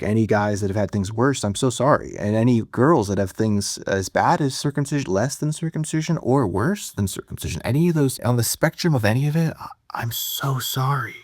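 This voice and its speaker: Low-voiced rambling young man. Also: a little mellow, no room sound, studio quality. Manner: rambling, filler-heavy, self-deprecating. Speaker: vlogger. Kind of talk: casual confessional monologue.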